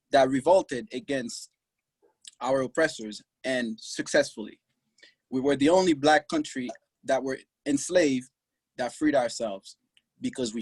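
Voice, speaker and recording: Speaking from his clothing shop via video call, a young man from Haiti talks as a guest on a podcast in a casual interview. His medium-pitched voice has a breathy edge, and he comes across as earnest and proud, in short halting bursts, on a dry recording.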